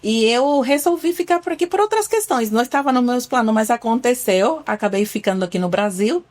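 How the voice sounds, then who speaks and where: Interviewed on a podcast, an earnest Cuban family doctor explains with patient examples and occasionally restarts her thoughts. Her Cuban Spanish-accented voice sits a little high and is expressive, a little mellow, and a little fast.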